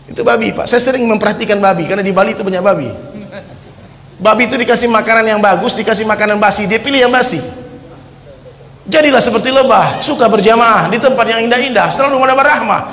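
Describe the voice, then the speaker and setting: Male preacher, high voice, booming, long hall reverb; swings quiet to shouting. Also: quick pace. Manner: forceful, swings from low asides to loud shouted exhortations. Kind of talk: fiery Islamic sermon. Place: large hall with crowd. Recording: echoey hall with crowd noise.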